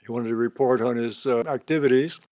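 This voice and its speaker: An older man giving an unscripted spiritual talk on meditation as a teacher, speaking slowly and calmly in short, deliberate phrases with pauses. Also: mid-range voice, dry recording, clean studio sound. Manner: slow, calm, deliberate delivery with pauses between short phrases.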